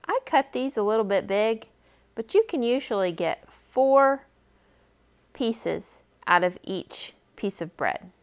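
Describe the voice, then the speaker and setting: A woman in her thirties, whose voice is a little high and expressive, takes things slowly as she hosts a kids' cooking program at the library. She gives simple, supportive, step-by-step directions in a friendly demonstration.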